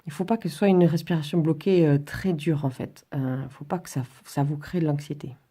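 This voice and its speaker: A woman's voice: sits low, fairly even intonation, brisk, dark tone, husky. A woman instructor giving an informal drawing and relaxation tutorial, demonstrating as she talks in a hesitant, stop-and-start way. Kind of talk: informal spoken tutorial, demonstrating while talking.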